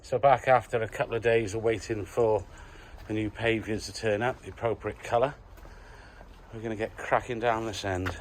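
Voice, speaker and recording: A man's voice: lowish voice, steady tone, moderate pace, a little hiss or hum. A man chatting casually to the camera as he lays a patio outdoors. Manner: chatty, jokey, talks to camera while working. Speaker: patio installer filming his work. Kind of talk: casual work vlog.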